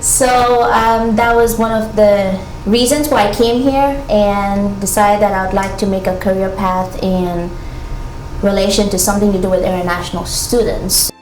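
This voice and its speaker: A young woman from Ghana, an international graduate student, speaking reflectively and earnestly in a documentary interview, with frequent pauses and ums. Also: mid-range voice, steady tone, darkish tone, slight background noise. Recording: roomy sound with background music.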